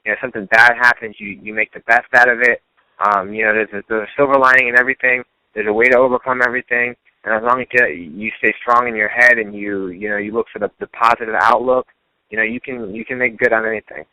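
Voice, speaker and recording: Earnest man with a bright voice. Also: mid-range voice, fast, dry recording, poor audio. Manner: earnest, many you-knows and restarts. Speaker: fighter guest. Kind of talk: casual interview.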